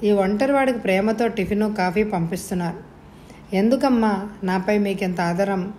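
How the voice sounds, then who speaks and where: A woman voicing a grateful, lonely young man who speaks in a rushed, heartfelt way in a storybook reading. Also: medium pitch, darkish tone, a little hiss or hum, lightly acted. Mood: earnest.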